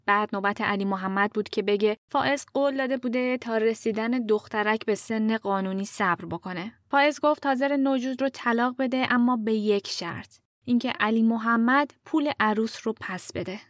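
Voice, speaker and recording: A woman narrating a true story in a calm, measured storytelling voice. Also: on the high side, no room sound, studio quality. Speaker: podcast narrator.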